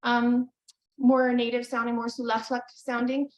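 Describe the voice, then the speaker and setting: A woman teaching a language lesson over a video call, patient and encouraging, often pausing with ums. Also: fairly high pitch, level tone. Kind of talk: live online language lesson. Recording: echoey, distant video call audio.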